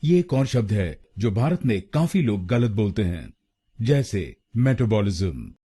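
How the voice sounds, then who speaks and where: Man, pronunciation teacher, slow deliberate syllable drilling, dark husky voice, lively pitch. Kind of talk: scripted pronunciation lesson.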